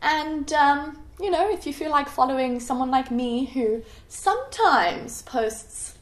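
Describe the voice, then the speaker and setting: A woman's voice: sits high, lively intonation, slow. A young adult woman talking casually to camera as a vlogger, chatty and self-mocking, often laughing at herself. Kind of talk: casual confessional vlog. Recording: roomy echo.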